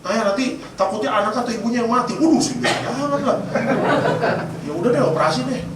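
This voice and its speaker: Male pastor, high-pitched, jokey storyteller; distant mic in a booming hall. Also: lively intonation, fast talker, over a noisy crowd. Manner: storytelling with humor, addresses congregation as Bapak Ibu. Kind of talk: sermon. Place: church. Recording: echoey church hall from far off, noisy.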